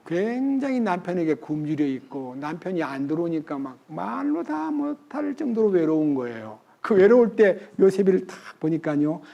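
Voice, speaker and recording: A male pastor preaching a sermon, telling a Bible story with lots of drama. His voice sits high for a man, and he keeps breaking into the characters' lines with big jumps in pitch and volume. He sounds like he is in a church. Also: very animated, moderate pace, gravelly, hardly any pauses, dark tone, muffled recording.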